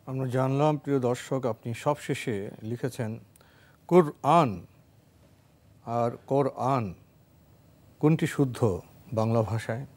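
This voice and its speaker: A man's voice: mid-range voice, normal speed, mellow. A man hosting a religious question show, formally reading viewers' letters aloud. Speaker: host.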